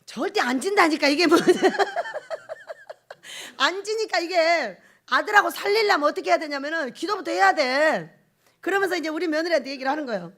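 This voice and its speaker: A middle-aged woman preaching a sermon through personal family stories. She tells them in a lively way, acts out the quarrels and laughs often. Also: very high-pitched, normal speed.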